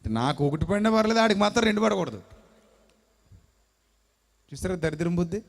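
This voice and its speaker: A man's voice: sits high, animated, fairly quick, vocal fry. A male preacher delivering a sermon, telling stories and acting out the voices of quarrelling people. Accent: Telugu. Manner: storytelling, acts out quarrelling people.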